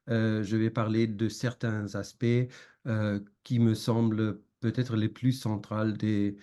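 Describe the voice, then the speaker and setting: A man who is not a native speaker, giving an academic seminar talk with a foreign accent in a halting, hesitant way full of long fillers. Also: on the low side, warm tone. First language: not French. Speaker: academic lecturer.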